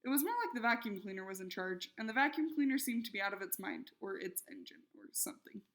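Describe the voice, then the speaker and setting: Expressive woman reading a children's novel. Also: mid-range voice, fast. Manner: expressive, raises voice for characters' shouted lines. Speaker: reader.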